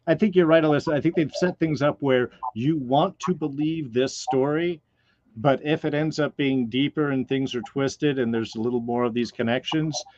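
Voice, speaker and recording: A man's voice: on the high side, dry recording, lo-fi sound. A man hosting a casual review podcast, rambling and hedging with lots of fillers. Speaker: podcast host.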